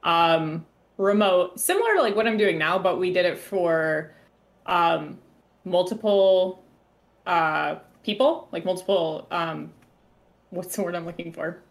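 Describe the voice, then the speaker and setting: A woman guesting on a podcast, chatting in a relaxed way and pausing often to search for words. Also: fairly low pitch. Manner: relaxed, halting with fillers. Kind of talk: casual chat.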